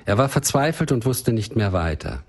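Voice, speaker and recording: A man reading a first-person case story as a doctor, in a calm, measured storytelling manner. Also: lowish voice, slightly rough. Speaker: doctor recounting a patient case. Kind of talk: read-aloud case story.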